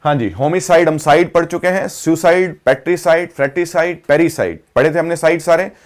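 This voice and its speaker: Speaking at a fairly high pitch, a male teacher goes through English vocabulary words. He explains them in Hindi, reads out their English meanings at a slow pace, and asks students to say them back.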